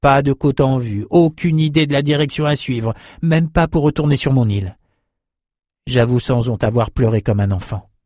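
A man with a medium-pitched, somewhat dark, natural voice reads at a moderate pace in clean studio audio with no room sound. Voicing a young male islander, he earnestly tells, half mocking himself, how he got lost at sea in an audiobook character reading.

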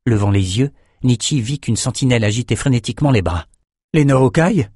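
A man's voice: medium pitch, brisk, darkish tone, slightly rough, no room sound, clean studio sound. Man narrating a fantasy audiobook.

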